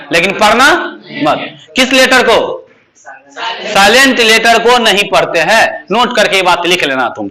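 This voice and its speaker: A man teaching English spelling to a class, quizzing his students with quick questions and repeating key points. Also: high-pitched, pushed and bright. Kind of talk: classroom lecture.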